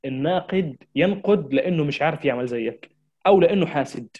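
Fast-talking man lecturing. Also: a little high, expressive, a little mellow, lo-fi sound. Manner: urgent, repetitive exhortations, addresses listeners directly. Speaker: marketing trainer. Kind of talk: lecture to an audience.

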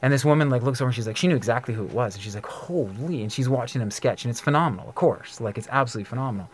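Fast-talking man telling stories on a podcast. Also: mid-range voice, husky. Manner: animated storyteller, acts out quoted voices; frequent fillers like "like" and "um". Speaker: podcast host. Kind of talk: casual podcast chat.

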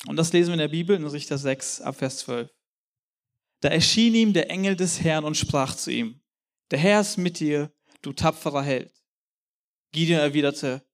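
A young man giving a sermon in a casual, youthful way, acting out the quotes of the people he tells about. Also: on the high side. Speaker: preacher.

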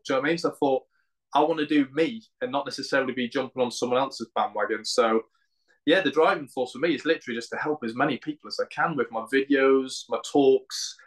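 A man's voice: medium pitch, low-quality recording. Earnest British man chatting plainly. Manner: earnest, plain-spoken, colloquial. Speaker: podcast guest, founder of a men's mental health group. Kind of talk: casual interview chat.

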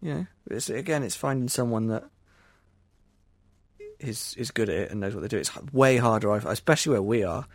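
A man's voice: medium pitch, lively intonation, a little fast, no echo. Rambling, self-deprecating English man. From England. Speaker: podcast co-host. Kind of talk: casual chat.

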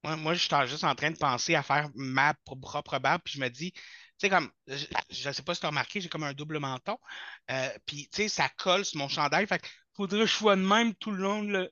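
Bright-voiced joking Quebec man host. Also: fairly high pitch, a little fast, dry recording. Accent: Quebec French. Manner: teasing, jokey. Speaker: podcast host. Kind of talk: casual interview. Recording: dull lo-fi dry recording.

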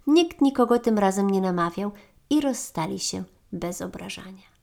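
A woman narrating a children's story in a gentle storytelling manner. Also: medium pitch, expressive, moderate pace, gravelly.

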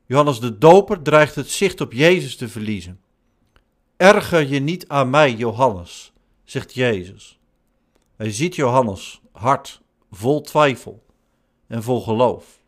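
A man preaching a sermon in slow, measured short phrases. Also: medium pitch, lively intonation. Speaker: pastor.

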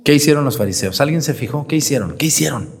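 Teasing priest in a reverberant church. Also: male voice, mid-range voice, animated, quick pace, gravelly. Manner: colloquial, teasing, rhetorical questions to the congregation. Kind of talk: homily at Mass. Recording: long reverb of a large church.

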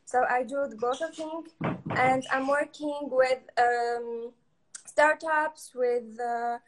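Young Tunisian woman, Arabic speaker, high voice, hesitant English with lots of ums, online interview guest. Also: low-quality recording. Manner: halting non-native English with many fillers. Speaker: guest photographer.

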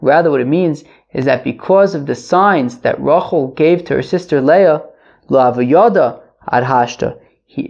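A man's voice: mid-range voice, creaky, a little mellow. A man teaching religious texts in an informal, conversational and wry way, reading phrases and translating them line by line, often asking and answering his own questions. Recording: dull, muffled lo-fi sound.

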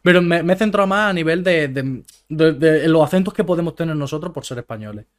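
A man's voice: on the high side, expressive, fast talker. A man with a Melillan Spanish accent, co-hosting a casual podcast chat and making his points emphatically. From Melilla, Spain. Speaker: podcast co-host.

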